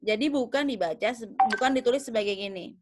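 A woman's voice: fairly high pitch, fast talker, background noise. Young woman teaching, checking understanding. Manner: patient, checks understanding often; thinks aloud with fillers and self-corrections. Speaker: English teacher. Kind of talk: online class explanation.

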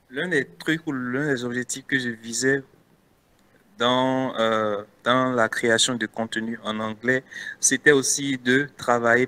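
A man with a Beninese French accent casually answers interview questions as a guest content creator. He's hesitant and keeps restarting his sentences, and his medium-pitched voice sounds bright, forceful, and clean.

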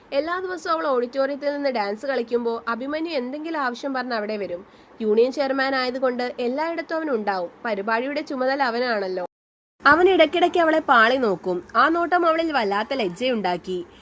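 A woman reads a romance story aloud in a measured, even way, her voice pitched high. A faint hiss sits under the reading. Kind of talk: scripted story narration.

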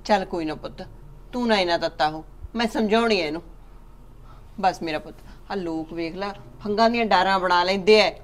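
An actress playing an older village mother who tries to calm her angry son. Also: fairly low pitch, brisk, natural voice. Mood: soothing. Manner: soothing, mediating.

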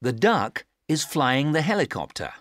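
A woman's voice: low-pitched, sing-song, measured pace, no room sound, studio quality. A woman acting a patient adult giving simple instructions in careful, stilted textbook dialogue. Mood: patient, instructive. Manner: careful, over-clear instructing.

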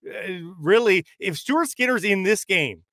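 A man's voice: high-pitched, lively intonation, pushed and bright, no room sound, studio quality. Opinionated man in his forties, emphatic. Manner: emphatic, opinionated, quick interjections. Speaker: podcast co-host. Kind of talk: casual sports banter. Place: small padded home studio. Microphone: large studio mic with headphones.

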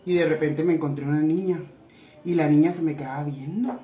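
Woman vlogging from her kitchen, chatty and affectionate, voice on the low side, roomy sound. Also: fairly even intonation, brisk, lo-fi sound. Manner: chatty and affectionate, calls viewers "tesoritos". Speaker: cooking vlogger. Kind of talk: casual cooking chat to viewers. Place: home kitchen. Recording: echoey room with faint noise.

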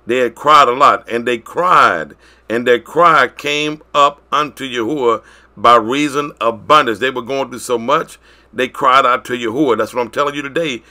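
A man preaches to his congregation in a bright, forceful tone. He pushes some lines out loud and lets others fall quiet and drawn out. His pitch sits in the middle range for a man. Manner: preaching, swinging between loud declarations and quiet drawn-out phrases. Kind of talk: sermon.

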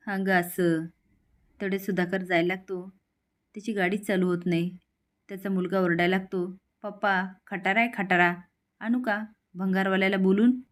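A woman narrating an episode recap and reading the characters' quoted lines in her plain narrating voice. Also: medium pitch.

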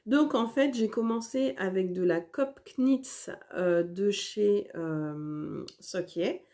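A woman hosting a knitting podcast chats casually on her vlog while showing her work to the camera, hesitating often with many fillers and restarts. Her voice is warm and medium-pitched, and she takes it slowly.

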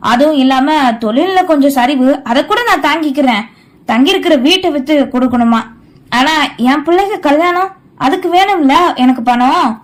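Woman doing middle-aged son, pushy, demanding, high-pitched, audio novel. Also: expressive, moderate pace. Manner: insistent, demanding.

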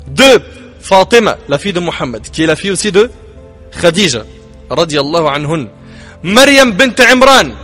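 A male preacher giving a sermon in French, emphatic, with rises and dramatic drops and pauses. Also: high voice, fairly bright tone. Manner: emphatic, rising and falling delivery with dramatic pauses.

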